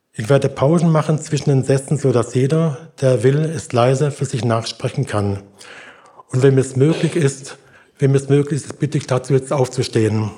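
An older man delivers a sermon. His voice is warm and mellow, sitting at a middle pitch. He speaks earnestly and encouragingly, and he acts out the voices when he tells a story. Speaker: preacher.

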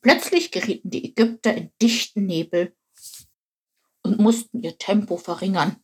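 Breathy woman reading a children's story. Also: medium pitch, normal speed. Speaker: storybook narrator.

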